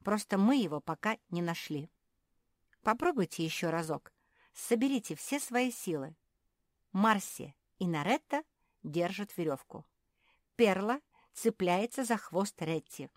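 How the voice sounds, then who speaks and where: A woman's voice: medium pitch, animated, a little slow, no room sound, studio quality, pitched above the performer's own voice, natural voice. A woman voicing a brave, bossy young female pet animal in a storybook, giving orders eagerly. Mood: bold. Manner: commanding, eager.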